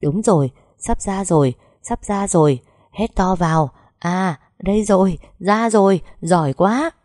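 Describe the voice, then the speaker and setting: Brisk encouraging doctor, read by a woman. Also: lowish voice, a little mellow, no echo, studio quality, close to an everyday voice. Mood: urgent. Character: brisk cheerful delivery doctor.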